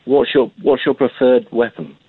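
A man's voice: medium pitch, steady tone, moderate pace, breathy edge, no echo. A man calling a radio show over the phone, playful and teasing. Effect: heard over a phone line.

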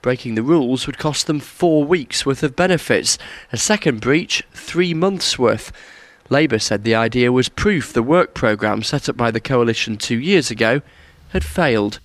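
A man's voice: medium pitch, expressive, moderate pace, no room sound. Male news correspondent, dry close sound. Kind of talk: scripted news report.

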